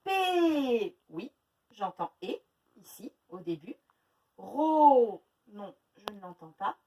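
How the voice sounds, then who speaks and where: A woman teaching a phonics lesson to young children, sounding out words slowly syllable by syllable. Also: mid-range voice, distant mic, low-quality recording. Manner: slow, exaggerated syllable-by-syllable pronunciation. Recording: faint noise, voice a little off-mic.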